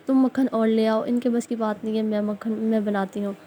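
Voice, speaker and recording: A brisk, commanding mother from a spoken storybook, read by a woman narrator. She speaks a touch high and warm-toned, giving orders with assurance. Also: fairly even intonation, a little hiss or hum, close to an everyday voice. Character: bossy caring mother, middle-aged woman.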